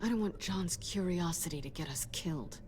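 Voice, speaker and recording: A woman's voice: fairly low pitch, fairly quick, a little mellow, natural voice. A woman playing a wry, cautious companion.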